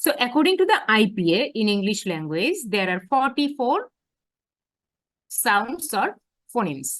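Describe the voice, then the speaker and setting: A woman giving a lecture on phonetics, drawing out her English phrases slowly and explaining quickly in between. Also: fairly high pitch, sing-song, no room sound. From Bangladesh. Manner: switches between careful slow English and brisk Bengali explanation. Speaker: university English teacher.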